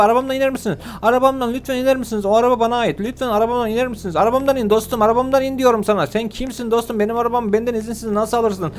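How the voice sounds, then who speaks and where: A young man hosts a game video at a rapid clip, his voice sitting high. He plays a police officer, repeating himself over and over as he pleads and exclaims to his viewers. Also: darkish tone. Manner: fast, repetitive, pleading and exclaiming. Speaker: gameplay video host. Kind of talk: roleplaying a police officer while narrating gameplay to viewers.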